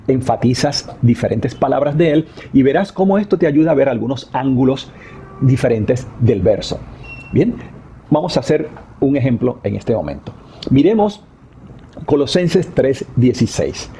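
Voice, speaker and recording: A man teaching a devotional Bible study in a measured, explanatory way, rereading a verse and stressing a different word each time. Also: mid-range voice, vocal fry, mellow, husky.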